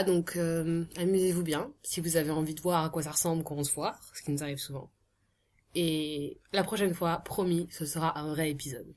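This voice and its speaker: A woman hosting a podcast, introducing the episode in a chatty, hesitant way with many fillers. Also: lowish voice. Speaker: podcast host and editor. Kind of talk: casual spoken introduction.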